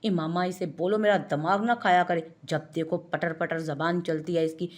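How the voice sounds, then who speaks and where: A woman's voice: lowish voice, steady tone, moderate pace, close to an everyday voice. A woman reading the lines of a hot-tempered young woman who scolds and threatens in an irritated way. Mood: annoyed.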